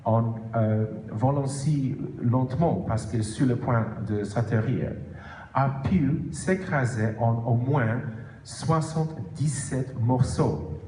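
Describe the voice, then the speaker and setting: A man speaks non-native French with a clear foreign accent, slowly and haltingly, as he presents his analysis. His voice is mellow and of middling pitch, with emphatic stresses and self-corrections. The recording is roomy and echoey, with faint noise behind him. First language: not French. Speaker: author presenting own book. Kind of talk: prepared explanatory presentation.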